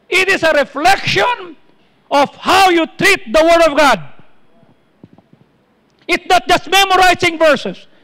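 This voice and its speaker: A man's voice: very high-pitched, slow pace, long pauses, bright, forceful tone. A man with a Filipino accent preaching a sermon as pastor, quoting scripture and putting questions to his congregation. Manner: preaching in mixed Tagalog and English, quoting verses, asking the congregation questions. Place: church. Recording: long church hall reverb.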